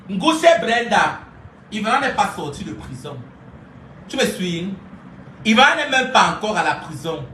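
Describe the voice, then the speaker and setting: A woman, ranting live to her followers and mocking someone. She keeps laughing, chants insults and sometimes shouts. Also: mid-range voice. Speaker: social media streamer. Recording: echoey room, voice far from mic, faint hiss.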